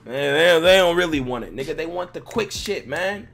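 There's music behind this young American man, whose voice is on the high side, a bit bright, creaky and animated at a normal speed. He makes gaming videos and comments on clips with casual, profane venting and lots of slang.

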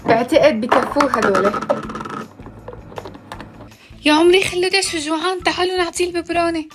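A mother and family vlogger with an extremely high-pitched voice talks a little fast, chatting playfully in a casual family vlog and cooing baby talk at her son.

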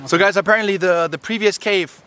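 A young man hosting a casual travel vlog from caves and forest trails, excitable and quick to swear and laugh, filmed on a handheld camera at arm's length. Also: high-pitched, crowd noise. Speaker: travel vlogger.

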